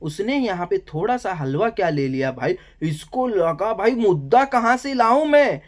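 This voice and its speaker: Male reviewer, casual animated recap, chatty colloquial delivery. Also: sits high, moderate pace. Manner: animated, colloquial, keeps saying "bhai" and "yahan pe". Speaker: reality show reviewer.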